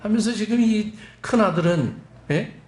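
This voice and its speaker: A man's voice: sits high, unhurried, a little mellow. Emphatic male pastor preaching in echoey church. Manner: emphatic, rhetorical questions to congregation. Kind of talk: sermon. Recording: roomy church sound.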